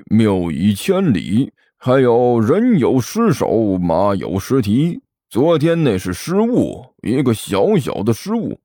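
A deep, grumbling master thief who lectures his apprentice in slow, heavy phrases, voiced by a man reading a storybook. The sound is dry and close. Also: warm tone, dry recording. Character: gruff boastful middle-aged tomb-robber master.

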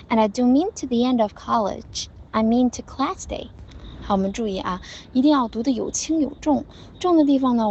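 A woman teaching pronunciation in an online class, slowly demonstrating words and correcting each student by name. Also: on the high side, darkish tone, lo-fi sound, a little hiss or hum.

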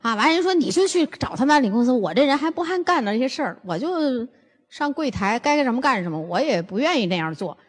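Older female lecturer, fairly high and very animated voice, blunt storyteller. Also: quick pace, big-room sound. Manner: blunt, forceful storytelling with rhetorical questions. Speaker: lecturer on health and nutrition. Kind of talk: lively anecdotal lecture.

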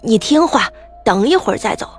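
Woman reading a stubborn earnest old grandpa, insistent, storybook, slightly high voice, soft music. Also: very animated, a little fast. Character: earnest old man who talks to his dead grandson.

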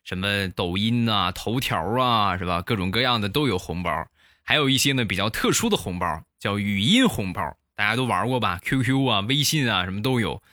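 A man hosting a comedy show, telling funny stories in a lively way and acting out the voices, close to the mic. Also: lowish voice, brisk, dry recording. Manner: lively, acts out every voice. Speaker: comedy host. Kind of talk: comic storytelling.

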